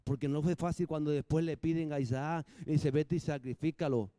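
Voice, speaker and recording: Warm, dry-voiced preaching man. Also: on the high side, fairly quick, no echo. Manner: animated preaching with humor and acted-out dialogue. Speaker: pastor. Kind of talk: sermon.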